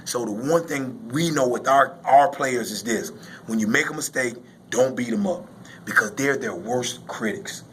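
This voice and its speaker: A male high school football coach speaks in a postgame interview at a middling pitch. He explains things casually but emphatically, repeating key phrases. There is slight background noise on the recording. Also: normal speed, rough recording.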